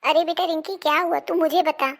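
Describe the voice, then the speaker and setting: A high, gravelly voice of a strict mother-in-law, played by a woman. She barks commands at her daughter-in-law and dotes on her own daughter in a homemade family comedy. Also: steady tone, fairly quick. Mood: coaxing. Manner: scolding, commanding. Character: scolding, partial older mother-in-law. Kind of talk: amateur family comedy drama.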